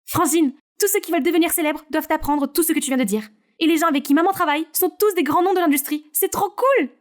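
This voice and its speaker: A woman voicing an excitable younger teenage sister, eager and pushy. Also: very high-pitched, fast, pitched above the performer's own voice.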